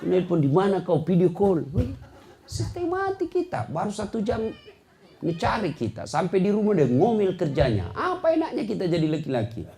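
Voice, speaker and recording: A middle-aged man preaching a humorous sermon, firing rhetorical questions at the congregation and building to shouted climaxes. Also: high-pitched, huge pitch swings, normal speed, vocal fry. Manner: jokey, addresses the audience directly with rhetorical questions. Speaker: Islamic preacher.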